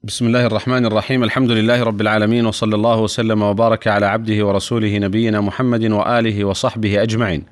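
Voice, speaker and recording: A man hosting an Arabic religious program, giving a brisk, formal introduction and welcoming the scholar. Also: lowish voice, level tone. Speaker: radio program host.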